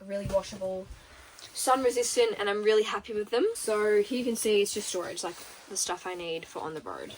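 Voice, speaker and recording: A young woman, chatting casually as she gives a tour of her converted bus and laughs often. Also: mid-range voice. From Australia. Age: early 20s. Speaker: vlogger giving a bus tour. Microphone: camera held by her sister. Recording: camera at a distance with background noise.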